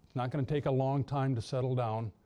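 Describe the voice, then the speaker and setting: Male preacher with a mellow voice, halting delivery, lifts his pitch for emphasis. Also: steady tone, muffled recording. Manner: halting, many restarts, rises high for emphasis. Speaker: pastor. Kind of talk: sermon.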